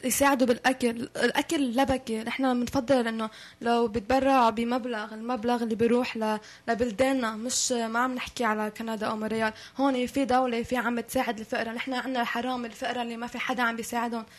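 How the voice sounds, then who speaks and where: A woman's voice: a little high, flat delivery, very fast. A woman with a Levantine Arabic accent, speaking conversationally as an interview guest. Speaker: studio guest from a charity project.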